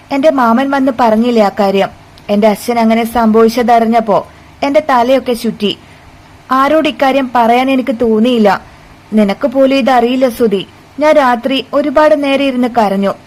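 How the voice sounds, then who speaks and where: A woman's voice: on the high side, a little mellow, natural voice, rough recording. A woman voicing a frightened young daughter-in-law who pleads tearfully, in a storybook retelling.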